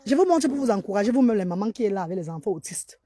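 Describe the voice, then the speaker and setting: A woman talks into her phone in a park, addressing other mothers directly and pressing her point with earnest urgency. Her voice is husky and a little breathy, pitched in a middle range, in the loose flow of a casual livestream. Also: sing-song, racing, warm tone, dry recording. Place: outdoors in a park.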